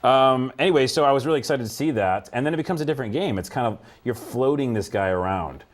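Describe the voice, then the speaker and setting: A man's voice: mid-range voice, animated, fast talker. A man co-hosting a casual games podcast, rambling with lots of fillers and frequent laughs. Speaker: podcast co-host. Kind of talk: casual chat.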